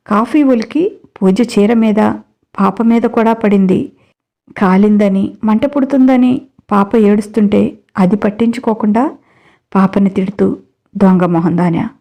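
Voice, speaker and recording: A woman narrating a dramatic family story in a steady storytelling way. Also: mid-range voice.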